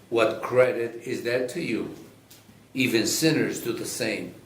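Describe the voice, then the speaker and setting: A priest giving a slow, solemn gospel reading, his voice ringing with cathedral echo. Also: medium pitch. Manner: measured, solemn proclamation. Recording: echoey church sound.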